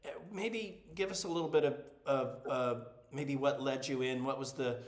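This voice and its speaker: A man co-hosting an interview, asking questions in a halting way, often repeating words as he thinks. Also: mid-range voice. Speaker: co-host interviewer. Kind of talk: interview conversation. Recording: roomy echoey sound.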